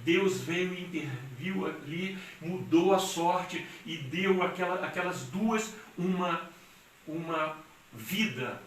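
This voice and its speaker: A man preaching a sermon. He tells a story earnestly and slows down on the key phrases. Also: a little high, lively intonation. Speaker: pastor. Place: church hall. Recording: very echoey hall, distant mic, faint hiss.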